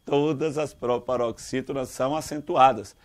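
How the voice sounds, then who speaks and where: A Brazilian man teaching Portuguese grammar for an exam, lively, quizzing his students with questions and calling them dear. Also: mid-range voice, moderate pace. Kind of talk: exam-prep grammar lesson.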